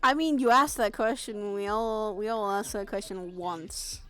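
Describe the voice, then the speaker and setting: A woman chatting casually with a friend during a roleplay game, reassuring and quick to laugh. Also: medium pitch, a bit bright, soft background music, low-quality recording. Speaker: fellow roleplayer. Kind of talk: casual gaming chat.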